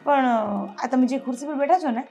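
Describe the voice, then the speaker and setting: Young maid for a film drama, high-voiced, defiant and taunting, played by a woman. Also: fairly even intonation, brisk, dark tone, muffled recording, faint music behind, close to an everyday voice. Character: defiant young maid confronting her employer.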